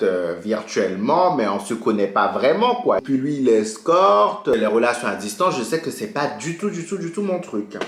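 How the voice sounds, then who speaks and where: A man with a lowish voice chats through a dramatic storytime while applying makeup. He acts out every exchange and swings his voice up and down. He is recorded in an echoey small room at home. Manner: animated, re-enacts dialogue with big pitch jumps. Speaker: beauty vlogger.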